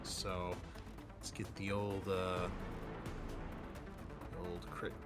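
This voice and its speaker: A man with a deep voice speaks very slowly in a level tone, running a tabletop roleplaying game as game master. He talks casually and thinks aloud while working through the rules, with music playing behind him.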